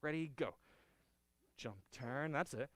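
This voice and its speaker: A man working as a martial arts instructor, calling out sharp, short, clipped commands and counts as he leads a karate class. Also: a little high, slow, dry recording.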